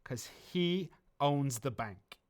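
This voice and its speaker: A man working as a community manager fields viewer questions about a game on a livestream, casually rambling with many ums and restarts. His medium-pitched voice is slow and has lively intonation.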